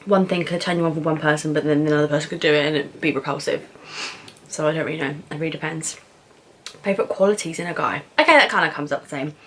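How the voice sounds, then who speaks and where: A young British woman in a casual Q&A vlog, chatting informally and frankly while eating, thinking aloud with pauses. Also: low voice, a bit bright, slight background noise. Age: young adult. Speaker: vlogger answering viewer questions.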